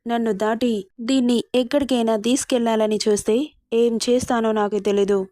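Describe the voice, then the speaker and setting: A woman's voice: a little high, flat delivery, moderate pace, dark tone, no echo, lightly acted. A woman voicing a scheming, greedy stepmother in a storybook reading, speaking sharply and with threats. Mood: threatening.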